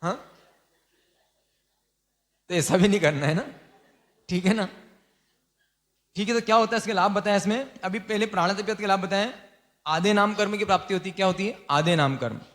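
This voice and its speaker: A man, a monk, gives an informal sermon on lay vows, teasing his listeners and quizzing them with quick repeated questions. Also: high-pitched, fairly bright tone.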